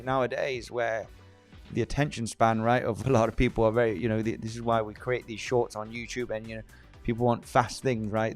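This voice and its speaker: Male livestream host, deepish clean voice, rambly, soft music behind. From Spain. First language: Spanish. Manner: rambling, frequent restarts, reads viewer comments aloud. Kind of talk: casual livestream chat.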